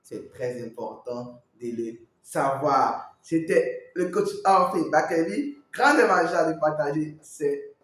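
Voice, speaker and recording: High-voiced man coaching in an echoey room. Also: animated, slow pace, a bit bright. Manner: repetitive, talks straight to the viewer. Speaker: Mandarin coach. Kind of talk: teaching advice to camera.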